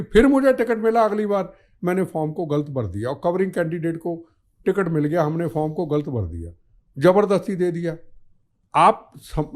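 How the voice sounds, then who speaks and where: An older man talks with heat and fire, building each point through insistent repetition. His voice sits high for a man. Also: a little mellow. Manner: fiery, declamatory, repetitive rhetoric. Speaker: podcast guest, former minister. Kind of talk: impassioned political talk.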